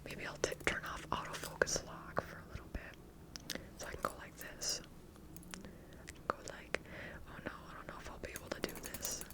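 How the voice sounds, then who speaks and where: A woman speaking in a soft, breathy, unhurried whisper as she demonstrates nail tapping for ASMR. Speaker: ASMR creator.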